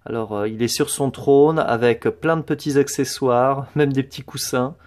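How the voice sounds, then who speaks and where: A man's voice: mid-range voice, fairly even intonation, normal speed, a little mellow. A man giving a casual show-and-tell tour of his collection, hesitant, with many fillers and restarts.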